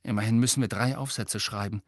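A man's voice: lowish voice, steady tone, quick pace, no room sound, studio quality, lightly acted. A man voicing a tired, grumbling teenage boy. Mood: weary. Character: weary, glum teenage boy wizard.

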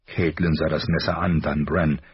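A male narrator reads the story in a measured, even manner. His voice is deep and very husky. The sound is dry and close, and slightly dull. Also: no echo. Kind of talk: audiobook narration.

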